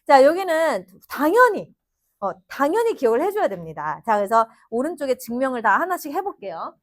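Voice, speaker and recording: A woman math teacher giving a lively classroom lesson, constantly asking her students questions. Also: high-pitched, a little fast. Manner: lively, addresses students directly with frequent questions.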